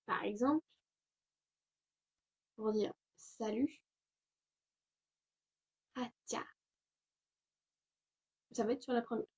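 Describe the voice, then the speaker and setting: A woman's voice: fairly high pitch, drawn-out words, long pauses, darkish tone, slightly rough. A young woman hosting a casual online language lesson, chatty and hesitant with many fillers, recorded at home. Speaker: language tutorial host. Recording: dull lo-fi sound.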